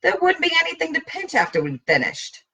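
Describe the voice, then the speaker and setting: A woman's voice: wildly swooping pitch, a little fast, gravelly, bright, forceful tone, far from the mic, exaggerated voice. A woman reading as T, a grave, intense boy. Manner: low-key, intense, withdrawn.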